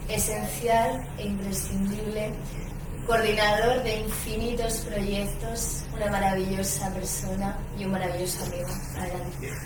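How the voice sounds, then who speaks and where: A woman's voice: mid-range voice, flat delivery, a little slow. A woman presenting a poetry recital and introducing the next speaker with praise. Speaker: event presenter. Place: bookshop event room. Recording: echoey room, distant mic, audible noise.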